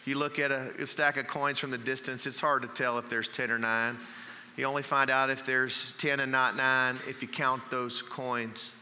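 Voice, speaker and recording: Male pastor, bright ringing tone, storytelling sermon, long church reverb. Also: mid-range voice, level tone, normal speed, a little hiss or hum. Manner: folksy storytelling, drops to a hush for emphasis. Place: church sanctuary.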